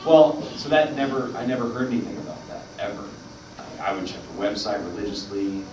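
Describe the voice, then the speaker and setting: Man, panel guest, low voice, rambling anecdote, distant echoey noisy room. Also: expressive, brisk. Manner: rambling storyteller, many fillers and laughs. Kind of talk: telling a story on a convention panel. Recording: echoey hall from far off, noisy.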